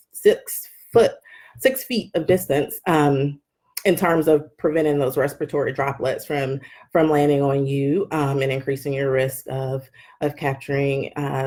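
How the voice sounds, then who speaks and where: A woman doctor giving a live health update from her wellness clinic, calm and explanatory, often pausing with um. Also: deep voice. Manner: calm, explanatory, with frequent ums.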